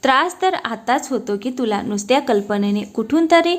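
A woman's voice: a little high, expressive, moderate pace, close to an everyday voice. A woman voicing a playful, affectionate young husband who teases his wife, in a storybook reading. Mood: teasing. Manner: teasing, affectionate.

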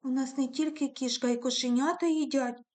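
Storybook boy, shy but proud, high and eager; woman narrator puts him on. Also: fairly even intonation, a little fast, darkish tone, lightly acted. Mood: scornful. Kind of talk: storybook reading.

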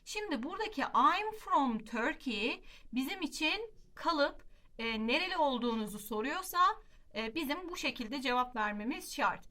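A woman teaching a classroom lesson, explaining patiently and slowing down to model example phrases, often asking rhetorical questions. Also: sits high, animated, fairly bright tone. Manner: slow emphatic modeling of English example phrases. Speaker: English teacher.

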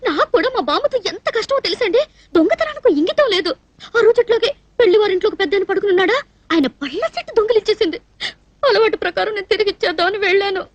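A woman's voice: expressive, no echo, lo-fi sound. An actress playing a naive, lovesick young woman in a film comedy scene. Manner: high, quick, plaintive.

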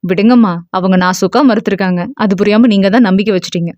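Woman lowering her voice for a calm, stubborn young son. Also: quick pace, dry recording, dull audio, natural voice. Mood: soothing. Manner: soothing, dismissive. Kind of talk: audio novel character voice.

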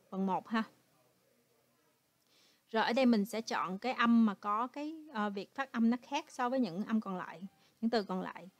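A woman's voice: mid-range voice, darkish tone, no echo. A woman, a native Vietnamese speaker, who patiently walks through an English exam step by step as a teacher. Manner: patient, explains step by step, ends phrases with "ha". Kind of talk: exam walkthrough lesson.

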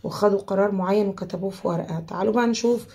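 Egyptian teacher, young woman, warm low tone, steady word-by-word explanations for students. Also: racing, creaky. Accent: Egyptian Arabic. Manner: explains word by word, mixing English terms into Arabic. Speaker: English teacher. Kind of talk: vocabulary lesson.

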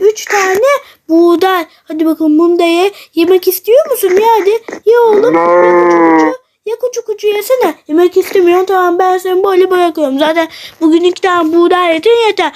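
A very high, piping voice belonging to a gaming YouTuber who narrates a block-building role-play straight to the viewers. The delivery is excitable and chatty, breaking into sudden shouts and dramatic wails. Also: brisk.

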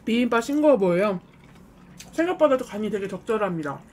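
A woman's voice: mid-range voice, lively intonation, fairly quick, a little mellow, a little hiss or hum. A woman chatting casually on her eating show, talking with her mouth full and chewing as she comments on the food between bites. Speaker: mukbang streamer.

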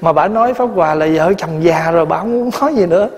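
Male monk in his 40s, Southern Vietnamese accent; lively, laughing storyteller with a slightly high voice, recorded in a long-reverb hall. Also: fast, slight background noise. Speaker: Buddhist monk and abbot. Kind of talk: dharma talk.

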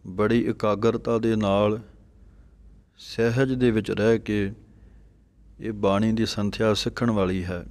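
A young man teaching careful scripture pronunciation, reciting lines slowly word by word and explaining pauses. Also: fairly low pitch, darkish tone. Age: young adult. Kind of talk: pronunciation lesson with slow recitation.

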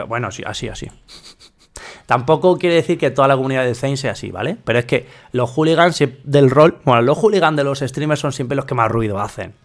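A man giving casual, animated reaction commentary on roleplay clips, repeating himself. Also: mid-range voice. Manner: animated, repetitive, laughing asides.

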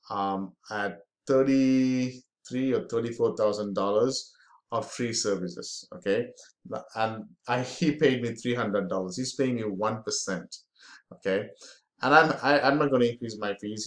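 A man's voice: on the low side, echoey room. A man in his forties, from India, giving a casual, filler-heavy screen-share tutorial on online marketing.

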